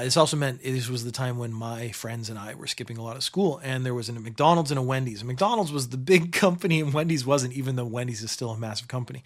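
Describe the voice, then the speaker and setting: A middle-aged man hosting a show, casually telling a rambling story and repeating phrases for comic effect. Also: mid-range voice.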